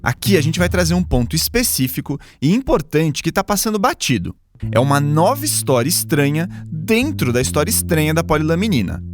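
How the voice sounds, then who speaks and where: A Brazilian man hosts a podcast with scripted narration in a fairly high, very lively and varied voice. Plucked guitar music plays clearly behind him. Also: a little fast. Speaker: podcast host.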